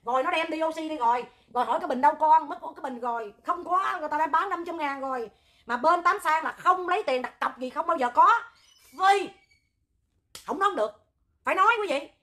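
A woman with a Southern Vietnamese accent hosting a livestream, talking loud, hot-tempered and animated, rambling with joking asides. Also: high voice, brisk. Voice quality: loud, piercing voice. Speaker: livestream host, charity oxygen volunteer. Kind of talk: livestream talk to viewers.

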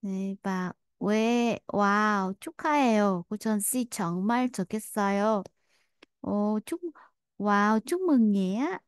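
Woman language teacher walking students through a dialogue, chatty and repetitive, clear resonant tone. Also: medium pitch, normal speed, a little mellow, no room sound, clean studio sound. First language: Vietnamese. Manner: chatty, many fillers, repeats Korean phrases. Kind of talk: explaining a listening exercise.

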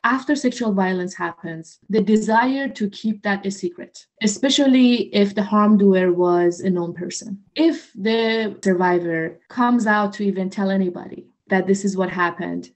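Woman, mid-pitched voice, measured, explanatory interview talk. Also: poor audio.

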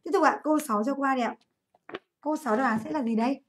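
A woman teaching English in a live online class, chatty and quick to correct her own slips, speaking English words. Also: high-pitched, a little hiss or hum. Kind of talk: live online class, going over an exam.

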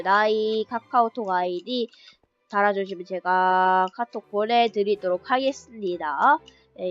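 A woman's voice: medium pitch, a bit bright. A woman hosting a gaming channel, talking casually over gameplay in a chatty way, cheering at good moments and often restarting her sentences. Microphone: device mic, screen-recorded voice-over. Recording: slightly muffled with faint background music.

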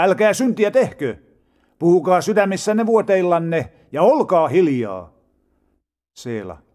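A man reading psalms aloud in a solemn, measured way with dramatic rises and falls. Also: high-pitched, darkish tone. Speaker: Bible reader. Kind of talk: scripted scripture reading.

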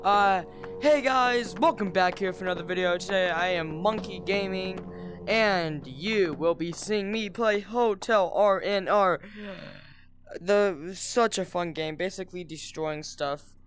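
A man doing casual game commentary as a video host, rambling haltingly and often interrupting himself. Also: sits high, a bit bright, soft background music.

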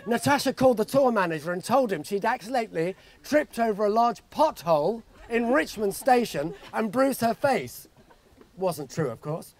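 A man in his sixties delivers a father of the bride speech at a wedding. His voice sits unusually high for a man. He tells jokey stories, reading from notes into a handheld mic. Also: expressive, moderate pace. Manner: jokey storytelling. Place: outdoor garden wedding reception. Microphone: handheld microphone held close.

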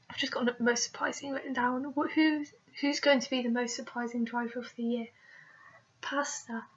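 A young woman with a cold chats casually to a webcam in a small room, rambling and self-deprecating as she answers questions. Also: high voice. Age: young adult. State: has a cold. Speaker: vlogger. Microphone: webcam microphone at arm's length. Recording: dull lo-fi laptop webcam audio.

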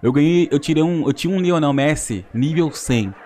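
A young man with a Brazilian accent giving excited commentary on a mobile football game, groaning and laughing at his bad luck. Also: fairly high pitch, normal speed. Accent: Brazilian Portuguese.

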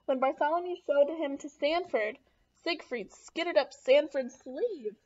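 A young adult woman reads a children's picture book aloud expressively in a small room at home, adding questions and asides for her young listeners. Her high-pitched voice has lively intonation, a slightly slow pace, and a darkish tone. The webcam audio is dull and lo-fi.

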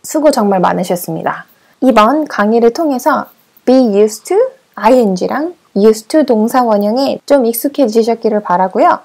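A woman English teacher with a fairly high but mellow, warm voice. She gives short drill prompts and countdowns. She repeats each model sentence slowly and clearly. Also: animated, faint music behind. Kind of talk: language lesson with drills.

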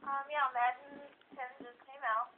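High-voiced woman on a tinny phone. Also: little pitch movement, normal speed. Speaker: video game store clerk. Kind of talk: customer service phone call. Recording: thin, muffled speakerphone line.

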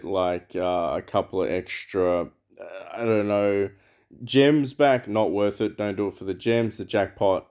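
Aussie guy rambling thru a mobile game, kinda low voice, lots of ums. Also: a little mellow. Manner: chatty, rambling, thinks aloud with many fillers. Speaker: mobile game channel host. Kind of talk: casual gameplay commentary.

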